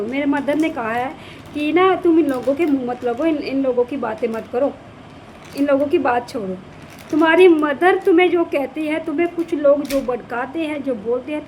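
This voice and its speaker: A woman with a high voice delivers heated reaction commentary. She scolds and mocks, and she circles back on her own phrases to drive them home. Faint noise sits under the recording. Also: darkish tone, poor audio. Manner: scolding, sarcastic, repeats phrases. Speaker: reaction video creator.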